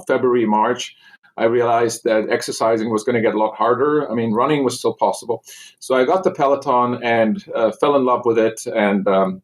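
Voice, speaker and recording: A man from Germany, a doctor talking about himself as a podcast guest, relaxed and full of "uh"s. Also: fairly low pitch. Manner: relaxed, hesitant with many "uh"s. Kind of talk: casual interview chat.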